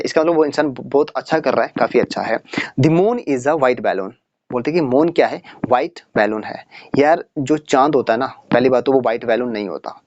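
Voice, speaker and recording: A man teaching a casual English lesson, chatty and asking rhetorical questions, reading the English examples slowly. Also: medium pitch, a little mellow, no echo. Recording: dry, slightly muffled audio.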